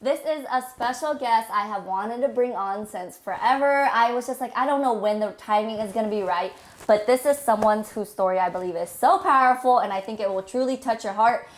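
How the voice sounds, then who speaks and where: A woman hosting a podcast, chatting casually and excitedly with her guest. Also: fairly high pitch, a little fast. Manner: bubbly, excited, sings out greetings. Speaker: podcast host. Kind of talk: casual interview chat.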